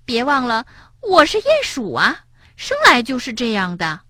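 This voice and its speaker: A woman voicing a small blind male mole in a storybook, with a high, quick, chirpy voice. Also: sing-song, sharp tone, no echo, heavily acted. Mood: curious. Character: grumpy then gentle little blind male mole.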